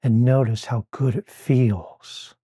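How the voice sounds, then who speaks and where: Man, guided relaxation, very slow, soothing drawn-out phrasing, warm dark tone. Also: medium pitch, steady tone, slightly rough.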